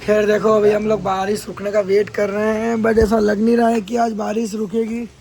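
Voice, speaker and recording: A young man chats casually into his phone camera at home, doubling words as he goes. His voice sits fairly high. Loud background noise runs under the phone recording. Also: level tone, moderate pace, vocal fry, poor audio. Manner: chatty, repeats words in pairs. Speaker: vlogger. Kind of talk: casual vlog chat. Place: family home on a rainy day.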